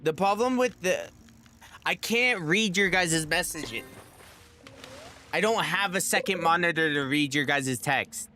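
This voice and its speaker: Bright-voiced man casually livestreaming. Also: a little high, lively intonation, measured pace, faint music behind. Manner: blunt, offhand, swears casually. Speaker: livestreamer helping viewers in a game. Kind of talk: casual live-stream chat.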